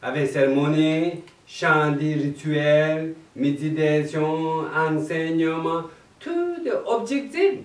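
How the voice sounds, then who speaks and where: A man with a Tibetan accent introducing a chant evening to an audience in halting, laughing French. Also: fairly high pitch. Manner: broken French, slow, laughing often. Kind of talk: halting explanatory talk to an audience. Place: meditation centre hall, indoors. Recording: roomy distant hall mic with faint noise.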